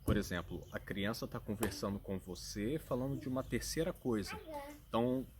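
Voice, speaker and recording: Speaking at a moderate pace in a somewhat low voice, this Brazilian Portuguese-accented father and vlogger gives a casual, earnest explanation, pausing thoughtfully to find his words. There's noise in the background.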